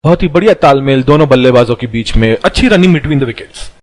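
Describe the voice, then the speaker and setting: A man's voice: medium pitch, expressive, a little fast, a little mellow, no echo, lightly acted. A man doing ball-by-ball cricket commentary, describing the play in short calls.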